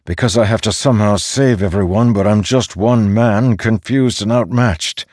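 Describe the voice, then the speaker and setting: A male audiobook narrator voices a commanding general in a dramatic fantasy reading, sounding exhausted and earnest, worn down but stubbornly defiant. His low, animated voice moves at a normal pace, earnest and demanding, and the recording is dry and close.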